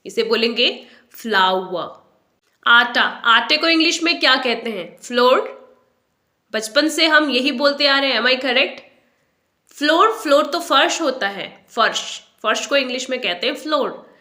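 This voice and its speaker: A woman teaching English pronunciation, who asks questions, answers them herself and repeats each word slowly. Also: fairly high pitch, sharp tone, reverberant. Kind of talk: explaining lesson to camera.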